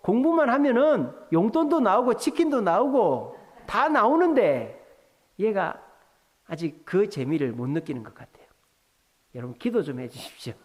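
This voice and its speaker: A man preaching in a church with a lively, swinging delivery that rises often into a higher voice. He tells stories and acts out the people in them, and his voice rings with long reverb in the hall. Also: moderate pace. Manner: animated, acts out dialogue in storytelling. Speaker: pastor. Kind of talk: sermon with anecdotes. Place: church sanctuary.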